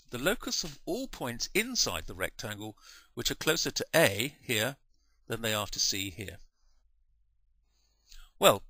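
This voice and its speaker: Working through diagrams, a male maths teacher talks a lesson through in a calm, measured way and corrects his slips as they happen. He has a bright, clear, mid-range voice. The recording is dry and close-miked, with no room around it.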